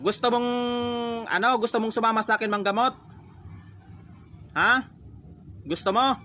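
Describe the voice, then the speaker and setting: A folk healer, a man, interrogates a spirit with blunt, repeated questions. His voice sits high and rings bright and forceful. Faint outdoor noise and passing vehicles hum in the background. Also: normal speed. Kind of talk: confronting a spirit during a healing ritual.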